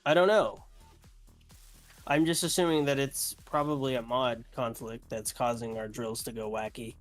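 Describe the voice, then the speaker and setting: A man's voice: mid-range voice, steady tone, moderate pace, faint music behind. A man playing a game with friends, joking and grumbling about the controls. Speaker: co-player. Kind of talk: casual game chat.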